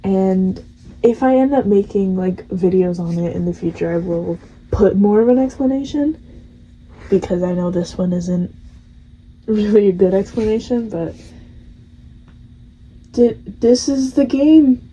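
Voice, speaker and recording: A woman's voice: mid-range voice, a little slow, long pauses, dark tone, muffled recording, a little hiss or hum. A young woman hosting a gaming channel, rambling casually through a game's story and laughing at it. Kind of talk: casual story recap of a game.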